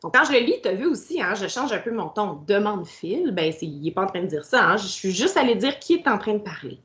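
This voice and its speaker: A woman's voice: medium pitch, sing-song, brisk, fairly bright tone. A woman teacher, explaining a grammar lesson step by step and speaking directly to the pupil. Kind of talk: recorded grammar lesson for children.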